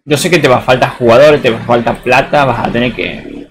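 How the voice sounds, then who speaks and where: Chatting through a live game stream, a Tucumán-accented Argentine man rambles in a medium-pitched voice, going a little fast. There's slight background noise, and his talk is slangy and full of "boludo."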